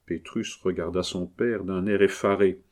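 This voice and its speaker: A man narrating a novel as an audiobook in a measured, storytelling way. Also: low-pitched, fairly even intonation.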